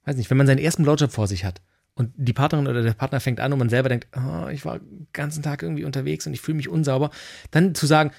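A man's voice: mid-range voice, rapid-fire, vocal fry, no echo, clean studio sound. A man, co-hosting a casual podcast chat and acting out quoted dialogue. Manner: animated, acts out quoted dialogue. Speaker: podcast co-host.

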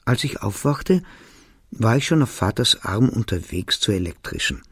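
A man reading a novel aloud as narrator, telling the story in a calm, measured way. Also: fairly low pitch, slightly rough, no echo, clean studio sound. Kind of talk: audiobook reading.

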